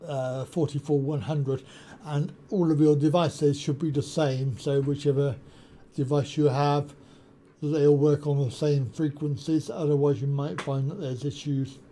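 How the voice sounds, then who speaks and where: A software tutorial presenter walks through a program in a screen-recorded session, speaking slowly, deliberately, and with many ums and uhs. His deep, mellow voice sits a bit higher than most men's, and his tone stays steady. A desk USB microphone picks him up over a faint background hiss.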